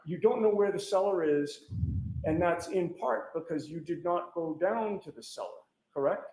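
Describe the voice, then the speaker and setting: In an echoey courtroom, a defense attorney cross-examines a witness, firing pointed leading questions that end in "correct?". His voice sits high and is a little mellow, at a moderate pace.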